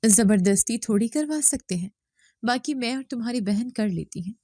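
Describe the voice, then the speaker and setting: A woman voicing an older mother-in-law who speaks softly and plays the victim. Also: a little high, lively intonation, no room sound, clean studio sound. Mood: sly. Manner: soft complaining tone, plays the victim. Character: older mother-in-law, sly and self-pitying.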